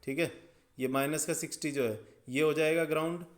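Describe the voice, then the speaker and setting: Man patiently explaining circuits, higher-pitched voice. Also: steady tone, brisk. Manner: step-by-step, checks understanding with "ठीक है". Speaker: electrical tutor. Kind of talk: explaining circuits at a drawing board.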